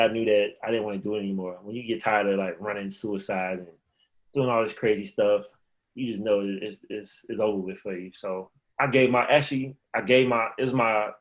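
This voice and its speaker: Low-voiced man telling a long story. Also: dull audio. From Chicago area. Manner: rambling, acts out remembered dialogue. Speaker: podcast guest, former pro basketball player. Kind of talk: casual storytelling interview.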